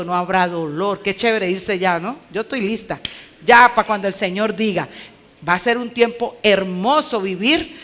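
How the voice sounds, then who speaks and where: A women's conference speaker preaches conversationally in a mid-range, slightly bright voice marked by a Colombian Spanish accent. She talks in a clipped, emphatic manner and addresses rhetorical questions to those listening.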